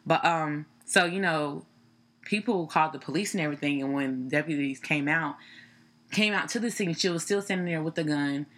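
A woman co-hosting a casual podcast, chatty and quick to laugh, recounting a news story with many fillers. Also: low-pitched, fairly bright tone. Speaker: podcast co-host. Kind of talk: casual chat.

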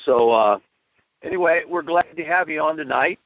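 A man's voice: on the high side, normal speed, no echo. A man hosting a radio show in a casual, conversational style. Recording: dull lo-fi radio call audio.

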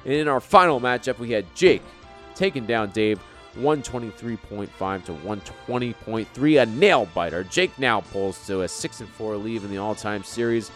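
A man's voice: fairly low pitch, expressive, moderate pace, fairly bright tone, faint music behind. A man hosting an informal fantasy sports top ten countdown show, with profane, bro-style trash talk. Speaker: fantasy football league show host.

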